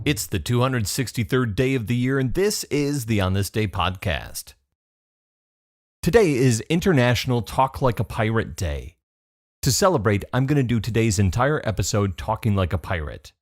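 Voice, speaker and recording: A man's voice: medium pitch, sing-song, normal speed, dry recording. A man hosting a daily history podcast, reading a script with dry joking asides. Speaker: podcast host.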